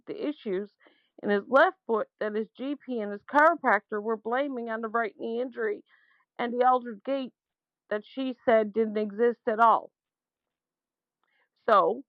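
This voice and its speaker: A woman's voice: a little high, no room sound. Exasperated woman leaving a voicemail. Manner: exasperated, insistent complaint. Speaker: caller. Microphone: phone. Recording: muffled voicemail phone line.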